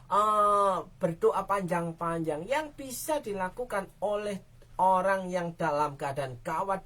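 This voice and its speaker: A woman pastor delivering a dramatic sermon, speaking directly to her congregation. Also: lowish voice.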